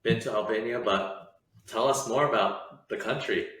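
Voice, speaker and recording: Podcast host, man, deep-ish voice, smooth scripted intro and casual questions. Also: normal speed, fairly bright tone, low-quality recording. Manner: scripted intro, then easy conversational questions. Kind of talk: podcast interview hosting.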